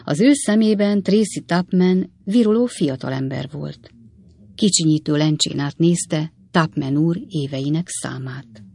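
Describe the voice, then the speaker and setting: A woman narrating an audiobook in a measured, expressive reading. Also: low voice, vocal fry, slightly rough.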